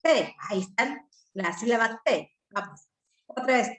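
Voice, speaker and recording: A woman teaching letter sounds to a young child at home, coaxing and repeating each syllable slowly for the child to copy. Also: on the high side, expressive. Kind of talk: early reading lesson for children.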